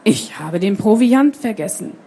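A cozy male mole from a picture book, as a woman reads him. He talks softly and dreamily in a low, mellow tone. Each word comes slowly and calmly. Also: gravelly, slight background noise. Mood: content. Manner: soft, contented, dreamy.

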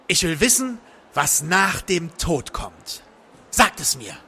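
A man voicing a frantic male occultist who proclaims loudly in a raised voice and stammers when flustered. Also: big pitch swings, slow, long reverb tail, slight background noise, heavily acted. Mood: demanding. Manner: stammering, high-pitched proclaiming. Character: frantic male occultist, pompous yet fearful.

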